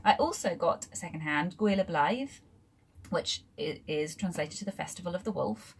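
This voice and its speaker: A woman's voice: lowish voice, normal speed, slightly rough. A young woman in casual book haul chat at home, rambling into asides and filling gaps with ums. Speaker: book vlogger. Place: room full of books at home.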